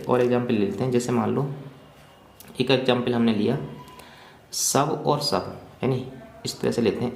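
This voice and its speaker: A man's voice: mid-range voice, darkish tone, reverberant, a little hiss or hum. A male teacher giving an exam-prep grammar lesson, asking questions and answering them himself, with lots of repetition while he writes out examples.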